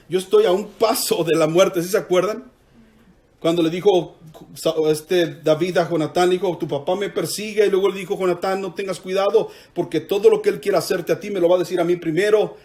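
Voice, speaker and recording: A man's voice: high voice, a little mellow. A man preaching a sermon in church, emphatic, drawing the congregation into call-and-response.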